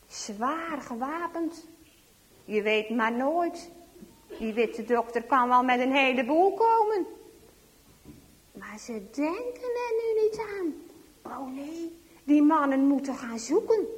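A woman telling a children's story dramatically, dropping into hushed whispers and then rising into emphatic exclamations. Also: high-pitched, big-room sound.

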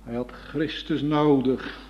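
Man preaching slow and solemn, swells up loud on the big lines, kinda dull lo-fi church tape. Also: mid-range voice, steady tone. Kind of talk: sermon.

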